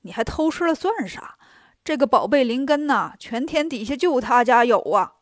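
A woman voicing three jolly old male star gods who scold loudly and joke in a storybook. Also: sits high, lively intonation, normal speed, dry recording, studio quality.

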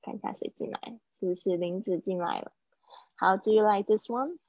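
Woman, English teacher, low gravelly voice, patient step-by-step explaining, dull dry online class audio. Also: darkish tone, no room sound. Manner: patient, explains step by step and repeats example phrases slowly.

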